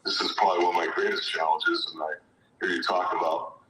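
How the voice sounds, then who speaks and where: A man's voice: low-pitched, level tone, brisk, bright, forceful tone. A middle-aged man, a former football player and coach, answering thoughtfully with hesitant restarts over a video call. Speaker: guest, former pro football player and high school football coach. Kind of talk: reflective interview answers. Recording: echoey distant mic with background noise.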